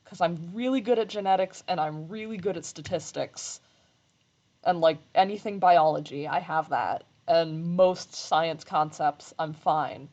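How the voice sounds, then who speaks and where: A woman streaming live while she sews, chatting casually in a rambling, self-deprecating way, with slight vocal fry when she talks low. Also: measured pace, darkish tone, dull audio. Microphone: desk microphone.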